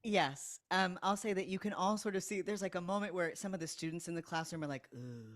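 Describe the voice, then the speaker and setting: A woman's voice: lowish voice, fast talker, dry recording, clean studio sound. A woman narrating and running a tabletop game, talking in a chatty, filler-heavy way. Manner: warm-hearted, filler-heavy, giggly. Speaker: game master.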